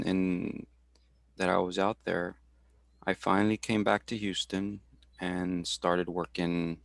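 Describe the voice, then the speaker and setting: A man in his forties from Texas, talking through his career in a halting way, with many fillers and restarts, over a video call. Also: low voice, creaky, dry recording, clean studio sound. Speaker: guest speaker. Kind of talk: casual career talk.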